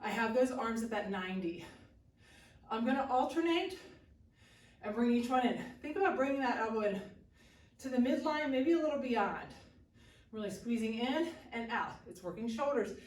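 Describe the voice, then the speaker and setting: A woman's voice: fairly high pitch, animated, moderate pace, pauses often, darkish tone. A woman leading a workout as an aerobics instructor, calling out short, encouraging cues and counts. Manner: short commands and counts called out during exercise. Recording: roomy echo, distant from the mic.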